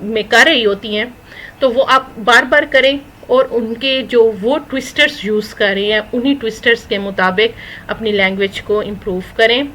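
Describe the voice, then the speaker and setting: A woman teaching an English lesson in Urdu, reading English phrases slowly and explaining each one. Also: fairly high pitch, fairly even intonation, a bit bright, slight background noise, rough recording. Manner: mixes English words into Urdu. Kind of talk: recorded spoken English lesson.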